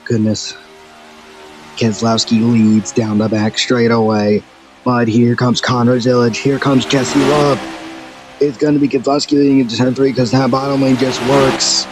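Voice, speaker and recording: A man in mid-range pitch calls a video game race play-by-play, fast and excitable, out of breath, his voice jumping high on sudden exclamations. Clear music plays behind him the whole time. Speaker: race commentator.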